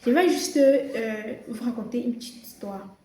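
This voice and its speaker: A woman's voice: on the high side, unhurried, warm tone. A young woman with a Cameroonian French accent gives earnest casual commentary to her viewers, often repeating words as she searches for them. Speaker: social media content creator. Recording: roomy echo, faint background noise.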